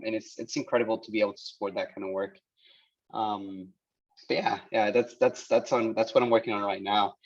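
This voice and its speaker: Low-voiced man from El Salvador, halting. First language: Spanish. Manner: halting, many restarts and fillers. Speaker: guest engineer. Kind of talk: casual talk on a video call. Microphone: video call. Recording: dull lo-fi call audio.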